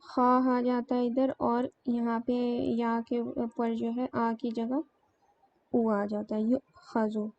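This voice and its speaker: Slow, flat-voiced woman teaching grammar. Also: on the high side, dry recording. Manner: slow, explains step by step with many fillers. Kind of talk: grammar lesson. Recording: dull lo-fi sound with faint noise.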